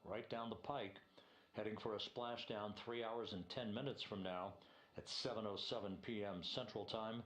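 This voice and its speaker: A man giving live spaceflight commentary from mission control in a measured, explanatory way. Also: fairly low pitch, steady tone, fairly bright tone, reverberant, slight background noise.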